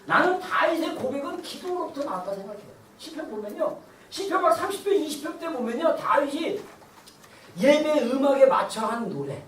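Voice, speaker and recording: Woman pastor, high voice, lively sermon, echoey hall, distant mic. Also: moderate pace, slight background noise. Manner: lively preaching, shouting out cries to God. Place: church sanctuary. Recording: roomy church hall from far off.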